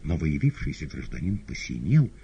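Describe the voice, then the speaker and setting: Male audiobook narrator: dark, low, husky, theatrical. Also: normal speed, slight background noise. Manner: expressive, theatrical. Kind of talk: dramatic audiobook reading. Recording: dull lo-fi audio.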